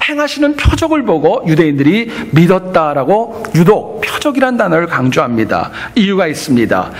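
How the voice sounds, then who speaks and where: A male pastor preaching a sermon in church, earnest and teaching, with humorous asides. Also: a little high.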